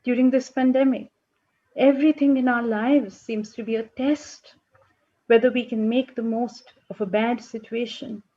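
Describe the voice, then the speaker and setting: A woman playing a gentle, breathy counsellor. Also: on the high side, fairly even intonation, highs cut off, natural voice. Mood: calm. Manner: gentle and measured, with encouraging murmurs. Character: calm, measured female group counsellor. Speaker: counsellor leading a group.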